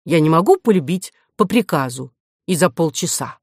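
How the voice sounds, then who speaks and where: Young male hero, read by a woman: polite, stubborn, measured, lowish and dry. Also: animated, a little mellow, slightly rough, no echo. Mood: placating. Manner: measured, placating. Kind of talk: audiobook character voice.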